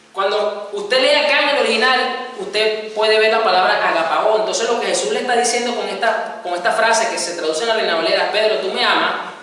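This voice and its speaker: A man preaching a sermon, explaining scripture and acting out the quoted dialogue in a teaching manner. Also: high voice. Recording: echoey hall, voice from a distance, soft music.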